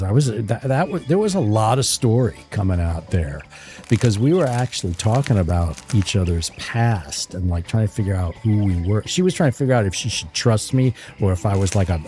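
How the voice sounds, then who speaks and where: Lively low-voiced man rambling on stream. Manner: rambling, chuckling storyteller. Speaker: streamer role-playing in a western game. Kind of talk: casual in-character chat while streaming.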